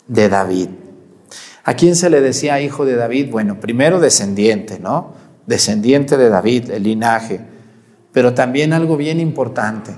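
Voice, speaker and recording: A man's voice: medium pitch, a little mellow, long reverb tail. A man preaching a sermon, asking the congregation questions and answering them himself.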